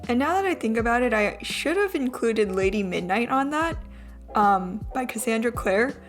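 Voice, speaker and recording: A woman's voice: fairly high pitch, expressive, normal speed. Young woman who struggles with her R's. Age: young adult. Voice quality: trouble pronouncing R sounds. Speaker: vlogger. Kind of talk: casual voice-over narration. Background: background music.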